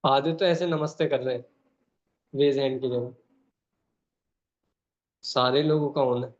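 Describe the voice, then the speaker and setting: A man's voice: mid-range voice, gravelly. A man hosting an online meeting over a video call, calling out names and urging people on in an emphatic, repetitive way. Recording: dull lo-fi call audio.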